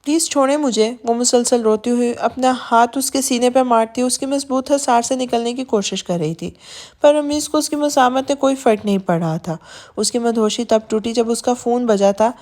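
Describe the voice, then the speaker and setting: A woman narrating a romance novel as an audiobook, reading softly and evenly. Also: on the high side.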